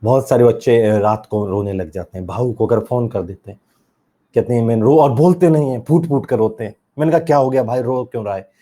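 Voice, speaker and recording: A man teaching chemistry in a lively lecture, jumping between loud bursts and quiet asides while acting out his students. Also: medium pitch, a little fast. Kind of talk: animated classroom lecture.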